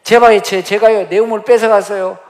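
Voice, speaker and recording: A man preaching voices a distressed old patriarch who loudly complains to God that his well was stolen. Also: sits high, fairly even intonation, a little fast, big-room sound, pitched above the performer's own voice, lightly acted. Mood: pleading, aggrieved.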